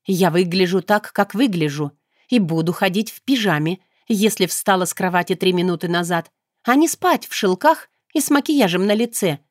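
A brash young heroine, voiced by a woman reader, talks bluntly and with a mocking edge. Her voice sits higher and brighter than the narration, on a dry close mic. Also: expressive, moderate pace, no room sound, natural voice. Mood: indignant. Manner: blunt, teasing, matter-of-fact. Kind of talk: audiobook character voice.

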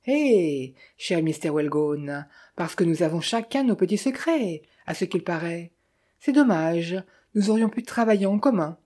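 A woman's voice: fairly low pitch, lively intonation, measured pace, warm tone. Sly mocking bandit, as a woman reads him. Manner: mocking, falsely friendly. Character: sly smooth-talking male Italian bandit.

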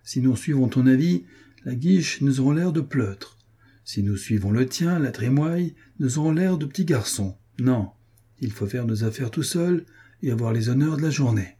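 Man reading a king, calm, authoritative, dark husky tone. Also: mid-range voice, normal speed. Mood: resolute. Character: jovial, commanding adult male king.

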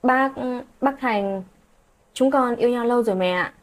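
A woman's voice: on the high side, normal speed, lightly acted. Woman doing a tearful pleading teenage girl. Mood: hesitant. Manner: hesitant, pleading.

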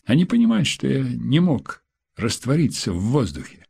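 A man reading a wounded fugitive in hiding, who speaks softly and gravely. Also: medium pitch, huge pitch swings, moderate pace, no echo, voice pushed up, full character voice. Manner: soft, grave.

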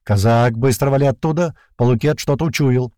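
A man reading an audiobook, voicing a gruff male squad leader who barks orders into a radio. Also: lowish voice, level tone, a little slow, warm tone, no echo, studio quality, lightly acted. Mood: alarmed. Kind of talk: audiobook character voice.

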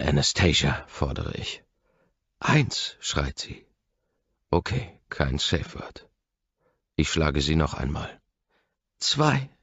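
A man reads a first-person story in an extremely deep voice with a gravelly, husky grain. His delivery is measured and intimate and often sinks to a hush. The recording is dull, lo-fi and dry. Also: no room sound. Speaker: audiobook reader. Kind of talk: first-person audiobook narration.

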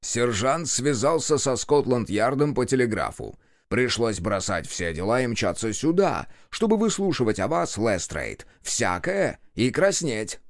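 A man's voice: mid-range voice, big pitch swings, unhurried, no echo, clean studio sound. A man voicing an irritable, bossy police inspector who scolds and snaps in an exasperated way.

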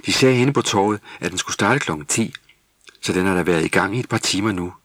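A man's voice: low voice, a bit bright, no room sound, clean studio sound. A man voicing a timid, easily upset boy Christmas elf in a storybook recording. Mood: fretful. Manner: fussy, correcting others, easily upset. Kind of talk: storybook character voice.

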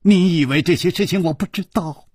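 A man voicing a cold, hard, furious woman in a spoken storytelling piece, low and sometimes hissing. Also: expressive, takes it slowly, a little mellow, slightly rough, dry recording, clean studio sound, full character voice.

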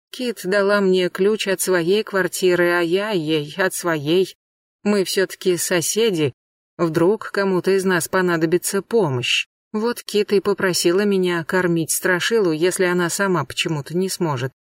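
A man's voice: sits high, dry recording, clean studio sound. A man voicing a frail, frightened old man who is hard of hearing and talks in a trembling, pleading way. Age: older. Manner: trembling, pleading, asks to repeat.

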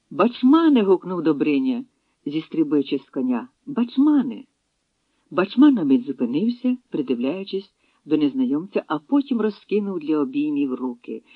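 A man reading a historical novel aloud in steady scripted narration. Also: fairly high pitch, no room sound. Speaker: audiobook reader. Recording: tinny phone-like dry sound.

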